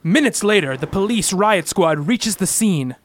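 In an amateur radio play, a man with a high-pitched, expressive voice plays a theatrical comic-book narrator, declaiming scripted narration in a dramatic, melodramatic and fast style.

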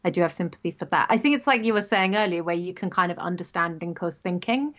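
A woman's voice: fairly low pitch, quick pace. A woman in her thirties from England, chatting casually and rambling, correcting herself with little laughs. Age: 30s. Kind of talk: casual chat. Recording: dull lo-fi sound.

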